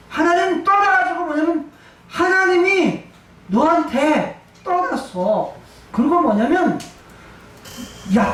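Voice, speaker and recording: A man's voice: extremely high pitch, a little hiss or hum. A man voicing an evil spirit that poses as a prophet, curtly scolding a king. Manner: curt, scolding. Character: evil spirit posing as the prophet, irritated male. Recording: echoey church hall, distant mic.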